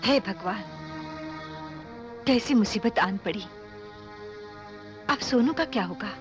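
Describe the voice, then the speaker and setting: An actress playing a caring, devout older mother who speaks in a gentle motherly way. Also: medium pitch, animated, slow, dull audio, over music. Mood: worried.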